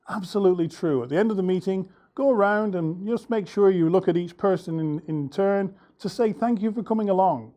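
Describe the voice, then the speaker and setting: Mellow-voiced male English teacher. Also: high voice. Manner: clear, measured teacher delivery with fillers. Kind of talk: going over lesson answers.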